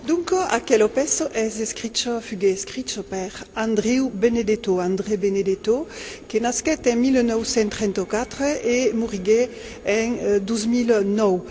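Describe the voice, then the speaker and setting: A woman reports on a theatre premiere in a lively, friendly way. Her voice sits a touch high. She speaks close to the mic. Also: unhurried, a little hiss or hum. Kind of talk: on-location report.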